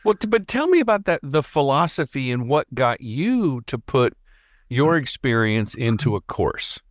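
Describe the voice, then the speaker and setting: A man's voice: medium pitch, very animated, normal speed, no room sound, clean studio sound. A man hosting a podcast interview in casual chat, rambling and talking a mile a minute. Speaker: podcast host.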